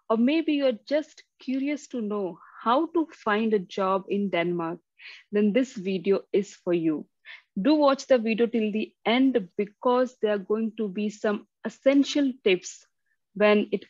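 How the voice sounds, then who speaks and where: A woman's voice: medium pitch, a little mellow, dry recording. A woman hosting an interview on her own channel, talking in a chatty way with many fillers. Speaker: host. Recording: slightly muffled, dry sound.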